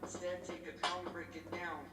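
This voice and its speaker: A man rapping over a beat in a rhythmic, steady delivery, his vocal drenched in cave-like reverb. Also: high voice, fairly quick, music in the background. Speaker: rapper.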